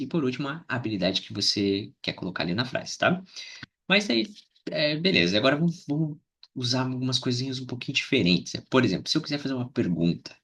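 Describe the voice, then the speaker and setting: Male teacher, slightly low husky voice, patient drilling of example phrases. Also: fairly bright tone. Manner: slow deliberate drilling of example phrases, frequent "né?" and "tá?". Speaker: English teacher. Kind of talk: explaining English grammar to learners.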